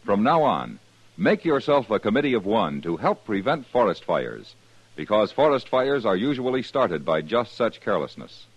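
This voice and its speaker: Sounding like a formal 1950s radio announcer, a man reads out a public service notice followed by the credits. His voice sits on the low side and moves at normal speed, smooth and lively in its formal style. The broadcast sound is dull and dry, typical of 1950s radio.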